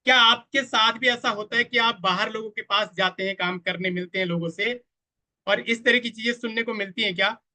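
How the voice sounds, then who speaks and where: A man's voice: high voice, fairly even intonation, a little fast, pushed and bright. A man giving a live online training on network marketing, who speaks to his audience directly and keeps asking them to type their answers in the chat. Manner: addresses the audience directly, asks for chat replies; quotes others in a voice of their own.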